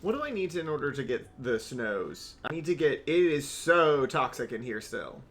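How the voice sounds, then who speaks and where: A man's voice: mid-range voice, sing-song, moderate pace, a bit bright. A young man streaming a game, rambling wryly with swearing asides as he plays. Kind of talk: casual gameplay commentary.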